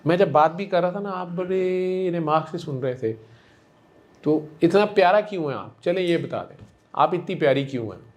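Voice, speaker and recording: Gentle coaxing man, fairly high voice. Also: animated, lo-fi sound. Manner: gentle, coaxing, affectionate and repetitive. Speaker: spiritual healer counseling a patient. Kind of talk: one-on-one counseling session.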